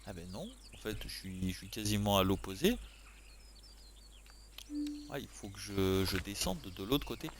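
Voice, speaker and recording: A French man commentating his farming game, animated and jokey, swinging between low muttering and excited yelps. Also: normal speed, long pauses, a little hiss or hum. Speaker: gaming YouTuber. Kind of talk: let's play commentary.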